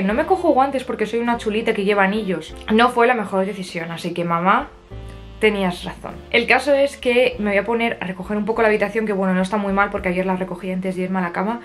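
A young woman from Spain, a little husky from a cold, chatting casually and self-mockingly to her camera in her bedroom. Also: medium pitch, quick pace, soft background music. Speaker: vlogger. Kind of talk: casual vlog chat to camera. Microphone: camera at arm's length or on the desk.

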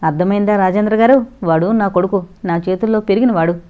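A woman's voice: mid-range voice, fast, clear, resonant tone, natural voice. Brief: principled proud father, bitter and emotional, read by a woman, storybook audio, muffled sound. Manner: emotional, forceful. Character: middle-aged man, proud principled father, wounded. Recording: dull lo-fi recording.

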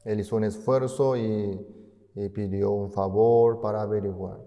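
A man telling a story as a sermon, in a slow, halting way with restarts and tag questions, with long hall reverb. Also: fairly low pitch, fairly even intonation, warm tone. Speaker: speaker at an online concert.

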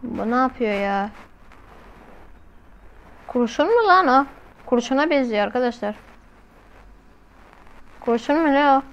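A woman's voice: high-pitched, animated, a little slow, long pauses, clear, resonant tone, highs cut off. A woman doing casual, slangy reaction commentary as a video host, often exclaiming.

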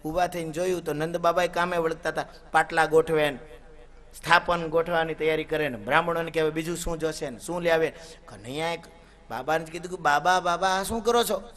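A man preaches a devotional story sermon in a high, bright, forceful voice. He chants Sanskrit verses along the way and voices the characters' lines himself. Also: brisk. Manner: voices characters in dialogue while narrating. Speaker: katha preacher.

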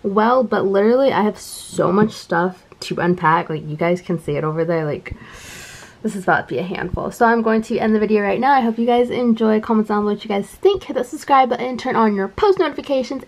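A woman's voice: fairly high pitch, fast, a little mellow. A young woman in college, filming a casual vlog in her dorm, chatty and upbeat with lots of fillers. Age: young adult. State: out of breath while walking. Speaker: college student vlogger. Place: college dorm room and outdoors walking.

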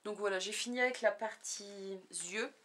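A woman in her thirties reviewing makeup products in a casual vlog, hesitant and full of fillers, sometimes dropping to a soft whisper. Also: medium pitch, steady tone, normal speed. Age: 30s. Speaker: beauty vlogger.

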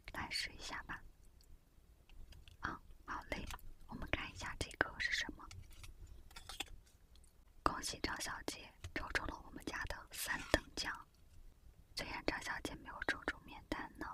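A pushy, smooth-talking shop saleswoman played by a woman in a whispered ASMR role-play. She speaks entirely in a whisper, close to the mic. Her customer-service patter is coaxing and persuasive. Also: lightly acted.

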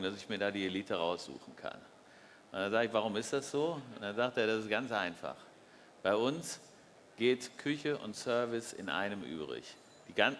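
A man with a somewhat low voice leads a panel discussion, telling a story at a measured pace before putting a question to a guest. His voice carries long reverb in a large hall. Faint ambient noise sits behind it. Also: a bit bright. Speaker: panel moderator.

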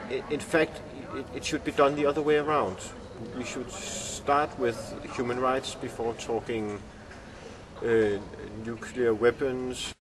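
A man in his thirties with a Danish accent gives reflective interview answers, halting as he searches for words. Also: mid-range voice, steady tone, crowd noise. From Denmark. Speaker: filmmaker being interviewed. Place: outdoor courtyard among glass buildings. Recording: distant mic outdoors, urban bustle behind.

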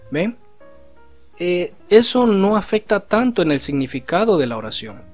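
A man teaching a video language lesson, explaining patiently and slowly repeating example syllables. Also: fairly high pitch. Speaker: Cantonese teacher. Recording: slightly dull recording with faint music.

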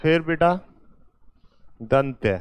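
A man teaching a class at a board, speaking slowly, repeating each point and answering his own questions. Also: on the high side, clean tone, no room sound. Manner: slow and repetitive, quizzing students with questions and answering them himself; calls the viewer "beta" and "my dear".

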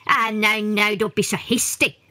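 A woman's voice: medium pitch, fairly even intonation, moderate pace, bright, forceful tone, lightly acted. A woman voicing a sly little old male leprechaun, wheedling and tricky.

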